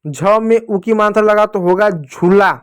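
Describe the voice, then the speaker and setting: A man teaching young children the Hindi vowel signs, stretching syllables slowly so they can repeat them and fondly calling them dear children. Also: high-pitched, smooth, no room sound, studio quality.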